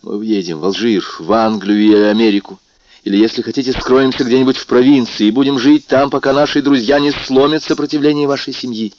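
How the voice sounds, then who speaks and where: A man's voice: mid-range voice, steady tone, brisk, darkish tone, highs cut off, pitched above the performer's own voice, close to an everyday voice. A man reading aloud and playing a passionate, determined young man in love, earnest and intense.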